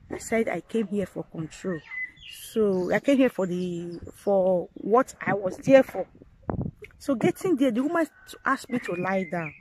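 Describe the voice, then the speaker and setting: A woman's voice: medium pitch, slight background noise, low-quality recording. Earnest woman telling her own story. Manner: halting, repeats and restarts phrases; earnest, addresses viewers directly. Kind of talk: personal storytelling to camera.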